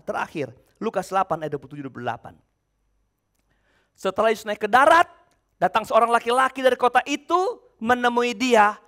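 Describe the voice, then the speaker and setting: A male preacher with a high voice that swoops all over, preaching a sermon. He fires questions at the congregation and answers them himself. He jumps between loud shouted lines and quiet asides. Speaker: pastor.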